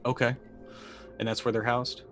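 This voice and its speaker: Over a video call from an indoor room, a middle-aged tabletop roleplayer improvises his character's moves, casual and hesitant, muttering as he thinks it through. He speaks at a normal speed with a medium-pitched, fairly bright voice and level tone, while faint music plays in the background.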